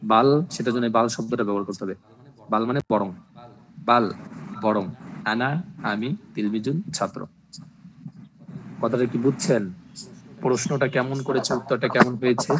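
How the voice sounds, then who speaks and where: A man teaching a language class at a mid pitch, speaking slowly and patiently. He repeats each phrase and then gives its translation. The recording carries clear background noise and clicks. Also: steady tone, fairly bright tone, low-quality recording. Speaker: Arabic teacher. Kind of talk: online language class in Bengali.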